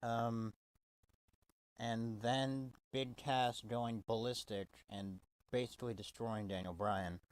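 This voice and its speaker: A man's voice: mid-range voice, steady tone, slow. A man giving a casual, swear-heavy wrestling review, exasperated and full of restarts. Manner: profane, exasperated, stumbling restarts.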